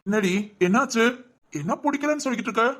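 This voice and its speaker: A woman voicing a caring older brother who gently coaxes and teases his crying sister. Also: a little high, expressive, quick pace. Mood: reassuring. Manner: gentle, coaxing, affectionate teasing. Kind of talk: cartoon voice acting.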